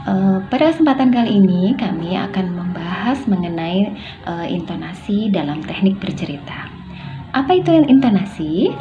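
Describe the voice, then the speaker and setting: A woman's voice: medium pitch, highs cut off. A young woman student giving a recorded class presentation, explaining step by step with small fillers. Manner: explanatory, with fillers, rising on questions.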